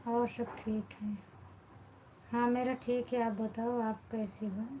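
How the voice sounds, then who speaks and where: A woman hosting a live stream at home at night, chatting softly with viewers by name and offering devotional greetings. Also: a little high, flat delivery, slow pace, a little hiss or hum, poor audio. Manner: quiet, keeps her voice down while others sleep. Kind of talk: casual live chat.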